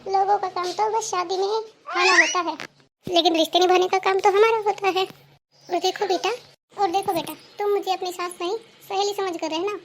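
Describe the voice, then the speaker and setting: A woman's voice: very high-pitched, steady tone, normal speed, fairly bright tone, slight background noise, voice pushed down. A woman voicing an older mother-in-law in a cartoon, who can sound stern but is mostly affectionate toward her daughter-in-law. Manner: scolding, then affectionate.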